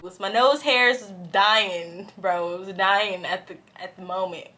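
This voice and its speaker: Bright-voiced young woman telling a story. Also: medium pitch, measured pace, faint music behind. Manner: chatty, profane, lots of "like" and "bro"; animated, swings between loud and hushed. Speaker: beauty and lifestyle vlogger. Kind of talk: casual storytime while getting ready.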